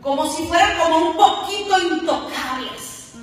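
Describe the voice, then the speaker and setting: A woman from Colombia preaching an animated sermon at a church conference, switching between soft asides and shouted lines and acting out quoted voices. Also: very high voice, unhurried. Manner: acts out quoted voices in dialogue. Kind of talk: Pentecostal sermon. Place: large church auditorium. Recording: echoey church hall, voice from far off.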